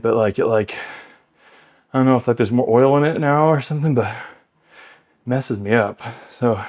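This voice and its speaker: A man's voice: mid-range voice, darkish tone. A man in his thirties talking casually while riding an exercise bike at home, out of breath and chatting loosely between workout cues. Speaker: workout host. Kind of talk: casual coaching while cycling.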